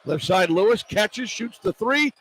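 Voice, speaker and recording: Unhurried yet expressive, a man with a high voice calls live basketball play-by-play on radio, giving clipped, running descriptions of the action over arena crowd noise in a noisy broadcast.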